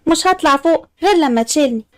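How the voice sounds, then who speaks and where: A woman's voice: sits high, lively intonation, rapid-fire, no room sound, clean studio sound. A woman playing a coaxing young Egyptian wife. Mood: playful. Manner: pleading, coaxing. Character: young wife, pleading then playful.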